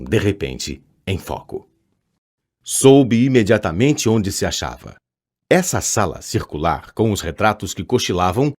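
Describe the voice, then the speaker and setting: Lively low-voiced man narrating. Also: husky. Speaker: audiobook narrator. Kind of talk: scripted narration.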